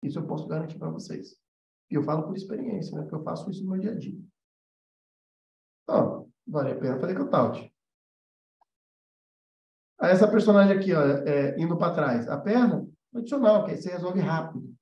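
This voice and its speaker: Teaching animation on a casual live stream, a man with a Brazilian Portuguese accent speaks briskly in a slightly high, a little mellow voice with lively intonation and vocal fry, leaving long pauses. He explains emphatically, going over points again. The room echoes and the sound is a bit dull.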